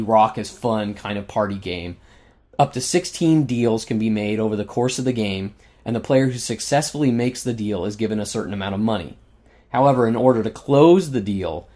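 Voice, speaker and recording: A man's voice: medium pitch, a little mellow. A man co-hosting a casual podcast, running through game details with lots of fillers and frequent laughs, saying he is losing his voice. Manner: enthusiastic, laughs often, lists game facts with fillers. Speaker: podcast co-host reviewing board games. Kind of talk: casual chat.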